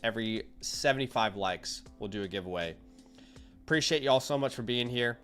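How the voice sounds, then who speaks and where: A man's voice: mid-range voice, animated, fairly quick, fairly bright tone, soft background music. A man hosting a casual fantasy football livestream, talking upbeat and straight to his chat through a headset mic. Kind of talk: casual live-stream chat.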